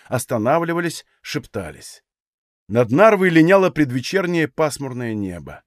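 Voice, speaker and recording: A man narrating a novel aloud in a dramatic, expressive reading. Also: fairly high pitch, no room sound, studio quality. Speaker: audiobook reader.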